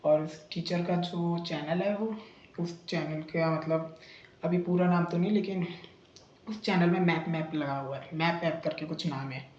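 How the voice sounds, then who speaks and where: A man's voice: fairly high pitch, fairly even intonation, a little slow, darkish tone, reverberant, lo-fi sound, a little hiss or hum. A young man in casual vlog storytelling, retelling a bad experience in a chatty, indignant way, full of fillers and restarts. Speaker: vlogger recounting a bad coaching experience.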